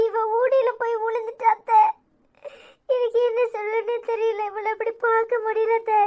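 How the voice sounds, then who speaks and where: A woman's voice: extremely high pitch, level tone, normal speed, lo-fi sound. A woman voicing a frantic young village woman who gives urgent, tearful orders, with a Tirunelveli Tamil accent.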